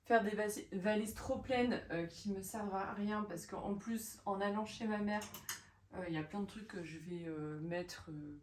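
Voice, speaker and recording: A woman in her thirties chatting casually in a vlog, expressive and full of fillers. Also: mid-range voice, moderate pace, a little hiss or hum. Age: 30s. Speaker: vlogger.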